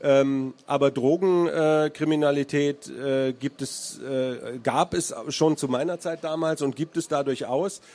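A man's voice: a little high, steady tone, moderate pace, hardly any pauses, a little mellow. A man from Hesse, a crime author, reading from his novel and then answering questions with many hesitant fillers. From Hesse, Germany.

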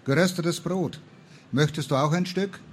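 A man's voice: on the high side, normal speed, slight background noise, pitched above the performer's own voice, lightly acted. A man reading the lines of a stern, dutiful young woman, a traveling apothecary in an old tale, in a firm, earnest manner. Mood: matter-of-fact.

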